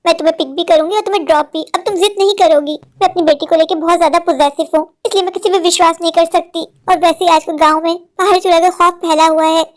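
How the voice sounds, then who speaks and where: An overprotective middle-aged cartoon mother, played by a woman, speaking quickly in a high voice. She sounds loving and firm at once, fussing over her only daughter. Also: fairly even intonation. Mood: firm, doting. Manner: affectionate but firm, calling her daughter "meri jaan". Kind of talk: cartoon voice acting.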